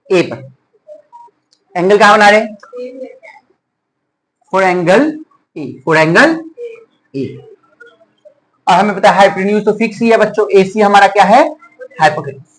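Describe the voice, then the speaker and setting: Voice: medium pitch, unhurried, pauses often, slight background noise, low-quality recording. Teacher drilling pupils with repeated questions. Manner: call-and-response questioning, repeats each answer back; addresses pupils as children and dear. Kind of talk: classroom math lesson.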